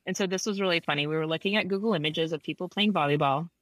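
A woman therapist telling a story in a casual conversation, animated, laughing often and acting out quotes. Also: on the low side, racing, no echo.

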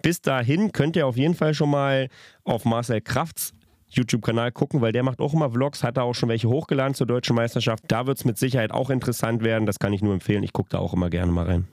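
A man's voice: mid-range voice, fast talker, darkish tone, dry recording, clean studio sound. A man co-hosting a podcast, defending himself with a laugh in casual banter. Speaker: podcast co-host.

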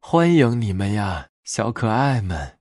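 A man voicing a kindly old grandmother bear in a bedtime story, speaking softly and tenderly. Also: on the low side, sing-song, measured pace, no room sound, studio quality. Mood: warmly welcoming. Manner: soft-spoken, gentle, tender.

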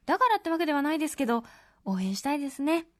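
A woman with a high voice reads a scripted recap for a radio show. She is bubbly and gushes like an excited fan. Her delivery mixes script with little asides. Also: racing. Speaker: radio co-host.

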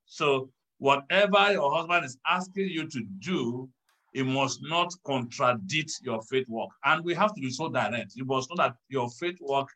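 A man, a pastor, teaching in a church talk show, measured and stressing key words. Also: mid-range voice, bright, forceful tone, rough recording.

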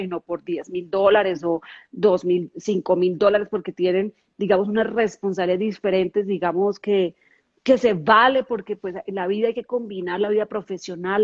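A woman's voice: mid-range voice, a little mellow, no echo, dull audio. A middle-aged woman, a guest, telling her own life story with emotion and lots of repetition. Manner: emotional, earnest, with many repeated words. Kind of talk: personal testimony in a podcast conversation.

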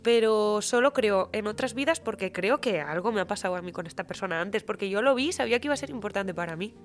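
Woman, podcast guest, animated and emotional, slangy casual talk, mid pitch, faint music behind. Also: fast talker. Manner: animated, emotional, slangy, often says "tío". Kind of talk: casual conversation.

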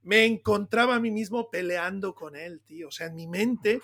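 High, gravelly Spanish man chatting. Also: moderate pace. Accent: Spain Spanish. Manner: animated, laughing storyteller, says "tío" often. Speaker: pastor and podcast co-host. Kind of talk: casual chat.

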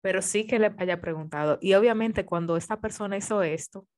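Female podcast guest, animated storyteller with easy laughter, middle pitch. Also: fairly quick. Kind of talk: casual podcast chat.

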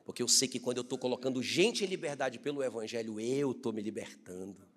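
A man with a Brazilian Portuguese accent giving an animated testimony sermon as a preacher, telling his story with frequent fillers. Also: mid-range voice, fairly quick, in a large hall.

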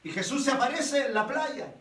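A man preaching a sermon with a very high, bright, ringing voice. He tells the story in an animated way, full of rhetorical questions. He is heard from a distance in an echoey church hall. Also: normal speed.

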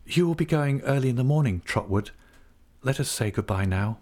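A man reading a storybook voicing a calm, gentle young woman who speaks softly and steadily. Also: mid-range voice, moderate pace, pitched above the performer's own voice, lightly acted. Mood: tender. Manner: soft and steady.

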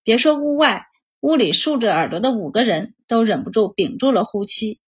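A woman narrating a Chinese period novel in a steady reading voice. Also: fairly high pitch, normal speed, husky. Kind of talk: storybook narration.

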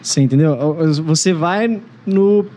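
A man's voice: a little high, normal speed, highs cut off. A man hosting a podcast in casual chat, telling stories playfully. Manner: playful storytelling, laughs often.

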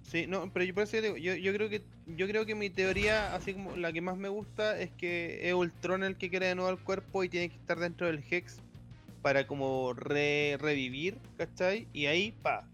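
A man's voice: high voice, moderate pace, a bit bright, faint music behind. A man with a Chilean accent, a podcast co-host, chatting casually and rambling through his theories with restarts. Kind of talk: casual chat.

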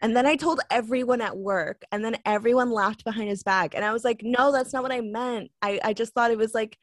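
A woman's voice: on the high side, a little fast, dry recording. A young woman from Long Island talks with the accent of that place in a loose, rambling way, full of fillers, and laughs often. She sounds like a podcast co-host in casual conversation over a video call. Her voice is recorded close and dry, with no room sound. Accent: Long Island New York. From Long Island, New York. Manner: rambling storyteller, laughs often, many likes. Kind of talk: casual chat.

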